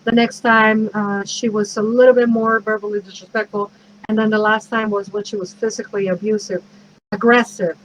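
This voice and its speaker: A woman's voice: medium pitch, level tone, brisk, a little hiss or hum, low-quality recording. A woman priestess and minister giving a frank, conversational workshop talk, advising listeners with self-deprecating asides.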